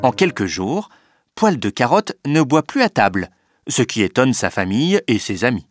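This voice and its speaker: A man reading a children's story aloud in an expressive, unhurried way. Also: mid-range voice, faint music behind. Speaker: narrator.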